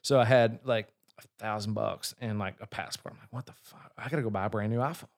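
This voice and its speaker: A man, a singer, telling a long story in casual chat, with frequent swearing and lively asides. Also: fairly low pitch, fast talker. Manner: profane, animated storyteller. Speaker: singer and guest.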